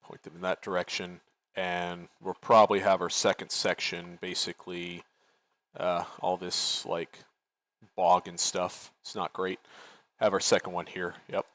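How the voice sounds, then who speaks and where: A man's voice: sits low, level tone, unhurried, fairly bright tone. A man leading an online military game as commander, giving tactical briefings and talking through plans casually on a headset.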